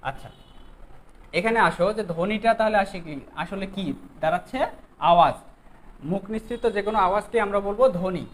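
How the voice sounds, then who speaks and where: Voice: mid-range voice, a little fast, pauses often, poor audio. A teacher giving an exam-prep grammar lesson online. The teacher keeps asking the listeners questions and checking that they have followed. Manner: quizzes students, keeps asking "okay?".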